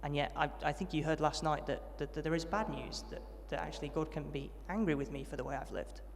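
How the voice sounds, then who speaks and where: At a student event, a young trainee vicar from Yorkshire, England, gives a testimony interview about how he grew up. He speaks briskly in a slightly raised voice with fairly even intonation, joking at his own expense in a friendly way and saying "um" a lot. Long hall reverb and slight background noise surround him.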